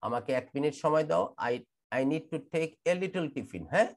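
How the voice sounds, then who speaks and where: A man's voice: on the high side, expressive. Bangladeshi guy teaching english online, voice goes up and down a lot, says words over and over. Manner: explains grammar rules slowly, repeating words and spelling them out. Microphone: computer mic in an online class.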